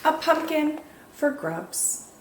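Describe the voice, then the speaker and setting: This storytime host reads picture books to children in a high voice, expressive and unhurried, stretching words for drama. The room echoes, and faint noise sits underneath.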